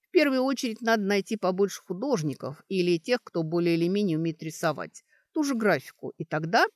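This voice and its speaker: A woman reading an audiobook, voicing a sharp-witted young girl student who talks in a brisk, mocking way as she reasons things out. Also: mid-range voice, lively intonation, dry recording, clean studio sound, natural voice. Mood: reasoning.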